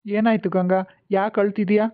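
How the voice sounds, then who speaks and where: A voice actor playing a calm young husband who patiently reassures and persuades. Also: mid-range voice, moderate pace, natural voice. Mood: reassuring. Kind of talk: cartoon voice acting. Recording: tinny phone-like sound.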